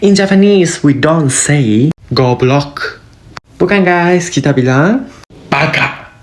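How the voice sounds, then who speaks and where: A woman's voice: lowish voice, animated, unhurried, a little mellow. A woman teaching everyday phrases in short comedic clips, acting each one out with playful exaggeration. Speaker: content creator teaching Japanese phrases.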